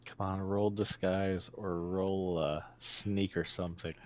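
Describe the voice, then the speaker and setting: A man's voice: deep voice, flat delivery, takes it slowly, fairly bright tone, lo-fi sound. A man playing in a tabletop game, laid-back and teasing. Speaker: player.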